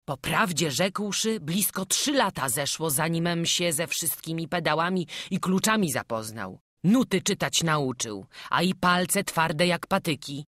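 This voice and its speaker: A woman's voice: low voice, fairly bright tone, no echo, clean studio sound. A woman narrating an audiobook, reading a historical story and giving village characters their own voices. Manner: voices village characters in old-fashioned dialogue.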